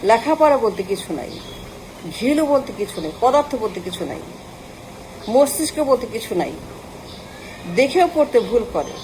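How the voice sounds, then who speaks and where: A woman's voice: on the high side, very animated, normal speed, pauses often, a little mellow, a little hiss or hum, rough recording. A woman giving an impassioned political rant, firing off long lists of insults and mixing in English words. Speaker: political commentator.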